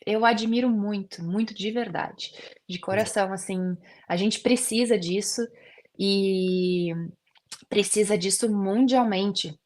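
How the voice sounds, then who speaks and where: Here a woman speaks slowly in a medium-pitched, slightly mellow voice. She is a dentist appearing as a guest in a relaxed interview, earnest in tone and frequently using fillers like "assim."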